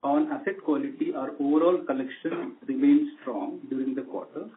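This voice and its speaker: Over a tinny, narrowband conference line with slight background noise, an executive with an Indian accent formally delivers a scripted corporate earnings presentation. His voice is a little high and he speaks at a moderate pace.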